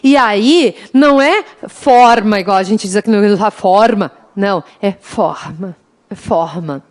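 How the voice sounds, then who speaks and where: A woman with a mid-range, unhurried voice leads a lively online law exam prep class in the accent of interior Rio Grande do Sul, Brazil. Chatty and teasing, she warmly addresses her students as "gente" and sings a mnemonic samba.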